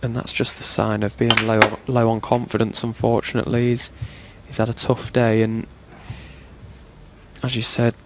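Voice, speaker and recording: Hushed, even-toned male snooker commentator. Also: medium pitch, moderate pace, creaky, very noisy.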